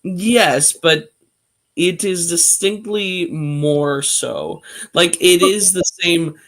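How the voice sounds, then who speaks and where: A man's voice: sits high, extremely slow, a bit bright. A man running a tabletop game as game master, hesitant and full of fillers.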